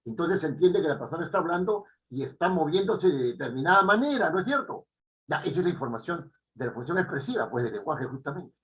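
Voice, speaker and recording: A man giving a classroom lecture, repeating key phrases and checking in with the students with quick tag questions. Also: fairly high pitch, big pitch swings, muffled recording. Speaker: teacher.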